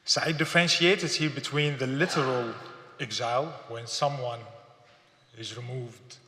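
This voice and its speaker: A Syrian artist gives a public lecture at a gallery symposium, speaking thoughtfully but haltingly, with fillers and repeated words. His middle-pitched voice has a bright, forceful tone and fairly even intonation. The roomy hall echoes with a long reverb.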